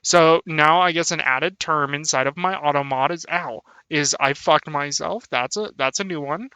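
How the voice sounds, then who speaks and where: A man's voice: on the high side, moderate pace, bright, forceful tone, smooth, no room sound. A young man chatting casually on a live stream, laughing often and thanking his viewers. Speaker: VTuber streamer.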